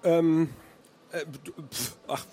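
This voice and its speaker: A man's voice: fairly high pitch, very slow, warm tone. Man, from Hesse, crime writer, narrated reading, hesitant filler-heavy answers. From Hesse, Germany. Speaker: crime novel author. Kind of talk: reading from his novel, then interview answers.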